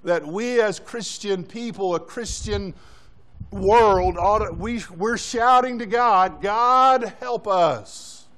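Man, preacher, sermon, high voice, exhorting, short repeated commands, out of breath. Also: takes it slowly, a bit bright. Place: church sanctuary.

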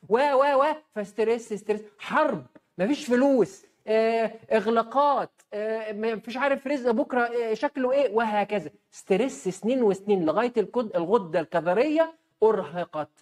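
An Egyptian-accented woman doctor talks through her health advice at a rapid clip. Her voice sits in a middle register, and she keeps throwing out rhetorical questions and answering them herself with emphatic force. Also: medium pitch, a little mellow. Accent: Egyptian Arabic.

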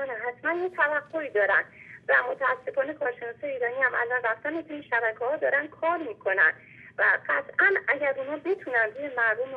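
A woman's voice: high voice, husky. A woman from Iran calling in to a radio show, heard over a phone line, making an earnest, insistent case at length. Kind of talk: call-in question to the host.

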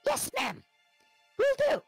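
A man's voice: slow, no echo, soft background music, lightly acted. A man voicing Newt, an eager young female knight captain who answers chipper and obedient.

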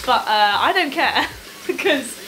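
A woman's voice: high voice, expressive, a little slow, noisy background. A young woman chatting in a casual vlog, upbeat and talkative. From England. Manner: chatty and upbeat, with frequent laughs. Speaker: vlogger and marathon runner. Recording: echoey room with faint music.

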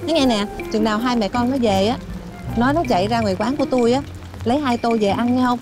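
Brief: actress as a warmhearted neighborhood noodle seller, high chatty voice, motherly fussing. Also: fast, music in the background, close to an everyday voice. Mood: caring. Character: kind, bustling neighborhood woman who feeds others. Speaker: noodle shop owner. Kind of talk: TV drama acting.

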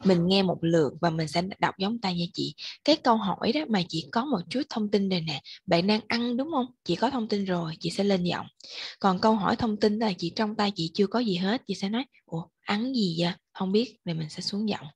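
A husky, gravelly woman tutors one learner in English. She explains each point patiently and step by step, in an encouraging voice that sits on the lower side. The sound is close and dry. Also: fairly quick, no room sound. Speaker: English teacher.

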